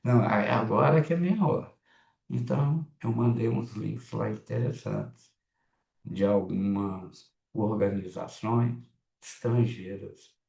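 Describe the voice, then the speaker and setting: Gravelly, blunt Mineiro man teaching. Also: fairly low pitch, takes it slowly, roomy sound. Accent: Mineiro Brazilian Portuguese. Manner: chatty, blunt, animated asides. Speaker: psychoanalysis teacher. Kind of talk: online class talk.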